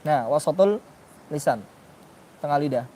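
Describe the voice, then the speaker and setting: A man's voice: a little high, lively intonation, unhurried, warm tone, a little hiss or hum. Man teaching Quranic letter sounds. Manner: questions students and models letter sounds. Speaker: tajwid teacher. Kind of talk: classroom lesson on Quranic pronunciation.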